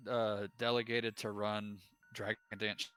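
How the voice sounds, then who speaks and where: Brief: young male coach, low pitch with a bright edge, eager and chatty, faint music under. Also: flat delivery, measured pace, clear, resonant tone, dry recording. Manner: enthusiastic, explains with restarts. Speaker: league coach. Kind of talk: casual stream chat.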